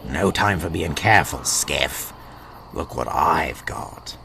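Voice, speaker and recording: A man voicing a greedy, bullying sailor boat in a cartoon-style drama, with a gravelly voice and a domineering, snappish manner. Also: low voice, animated, unhurried, sharp tone, heavily acted. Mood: gloating, scheming. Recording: noisy, with sound effects behind.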